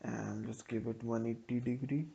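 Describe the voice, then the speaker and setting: A man's voice: medium pitch, fairly even intonation, creaky, dark tone, lo-fi sound. A man hosting a coding tutorial, thinking aloud as he types out code step by step. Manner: slow, thinking aloud while typing code.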